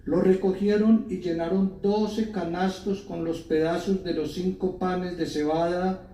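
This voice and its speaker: A man, a priest, solemnly reading scripture in a measured, deliberate way, his voice carrying a cathedral echo. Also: sits high, fairly even intonation, mellow, a little hiss or hum. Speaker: priest reading the Gospel at Mass. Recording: echoey church, cathedral-like echo, distant mic.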